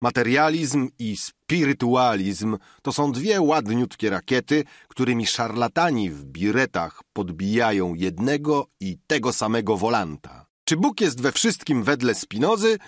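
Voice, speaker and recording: Man putting on a boozy ranting cynic guy, higher voice, bounces around a lot. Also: sing-song, a little slow, few pauses, no room sound, clean studio sound. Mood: mocking. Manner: mocking, declamatory.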